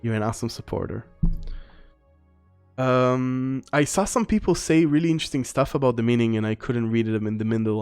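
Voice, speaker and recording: A man's voice: mid-range voice, a little mellow. Rambling man streaming a video game. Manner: rambling, reads chat aloud. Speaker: gaming streamer. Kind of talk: casual livestream commentary. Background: faint background music.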